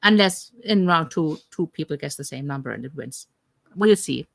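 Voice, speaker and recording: A woman with a German accent co-hosts a live health coaching Q&A stream from her home in Atlantic Canada. Her voice is low and creaky with lively intonation at a normal speed, and there's no room sound. She's chatty, with many ums and restarts.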